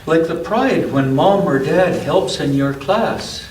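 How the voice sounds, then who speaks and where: In a large, echoey church, a man reads a picture book to a group of children, his voice on the high side, expressive and a little mellow. He breaks off now and then for asides and to ask about the pictures; the mic is distant, with background noise.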